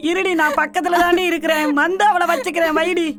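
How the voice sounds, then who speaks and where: A woman's voice: extremely high pitch, steady tone, fast. An actress playing a worried middle-aged mother who presses and scolds her crying daughter. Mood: pressing.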